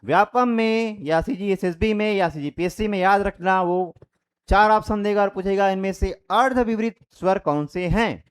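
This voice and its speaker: A young man with a high, clean-toned voice teaches Hindi grammar over the internet at a moderate pace. Step by step, he explains and demonstrates vowel sounds aloud, checking in again and again.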